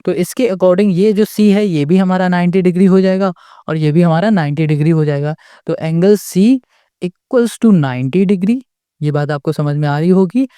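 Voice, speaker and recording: Warm, mellow and resonant at a medium pitch, a patient maths tutor works through a problem step by step at a moderate pace. The recording is clear, dry and close, with no echo or room sound. The tutor often asks the class rhetorical questions, checks in with "okay?" after every point, and repeats each step.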